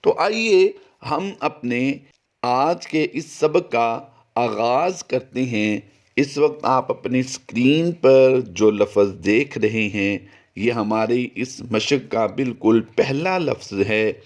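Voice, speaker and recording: In a recorded tajweed lesson, a man patiently teaches Quran reading at a slow pace, chanting each example word long and high.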